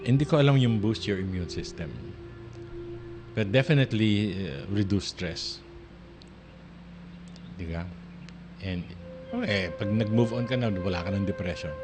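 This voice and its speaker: A male radio host talks in a loose, rambling way, often restarting his sentences and laughing softly. His voice sits a little low. Music plays clearly under him throughout the broadcast. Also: measured pace, pauses often. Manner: rambling and conversational, with frequent restarts and soft laughs. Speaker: radio talk show host. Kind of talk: casual on-air monologue. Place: radio studio.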